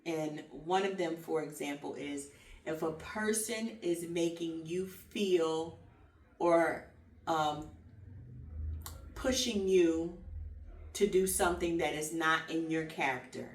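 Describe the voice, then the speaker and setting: A woman co-hosting a casual advice chat, speaking earnestly and pausing on fillers as she makes her points. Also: low voice. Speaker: podcast co-host. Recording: echoey room, mic at a distance, faint noise.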